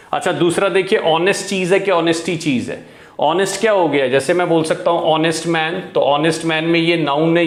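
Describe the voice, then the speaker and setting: A man's voice: fairly high pitch, echoey room. A man teaching English grammar in Hindi, who keeps asking his students questions and answering them himself. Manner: asks questions then answers them himself, says "guys" often. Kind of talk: classroom grammar lesson in Hindi.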